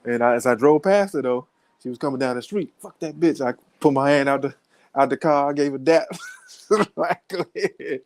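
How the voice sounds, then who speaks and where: A man's voice: mid-range voice, brisk, low-quality recording. A man telling a story to camera at home, casually and profanely, often laughing and talking straight to his viewers. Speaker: vlogger. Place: at home with his young son.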